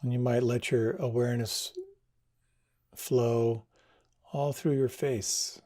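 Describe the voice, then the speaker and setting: A man leading a guided meditation, giving slow, soft, soothing instructions. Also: mid-range voice, steady tone.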